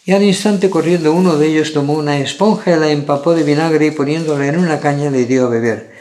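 A man reading Bible passages aloud in a measured way, raising his voice on the quoted cries. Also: fairly high pitch, darkish tone. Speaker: scripture reader.

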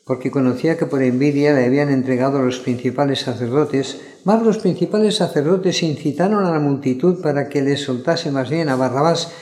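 A man preaching a sermon, reading Bible passages slowly and stressing the crowd's cries. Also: mid-range voice, a little mellow. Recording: echoey room.

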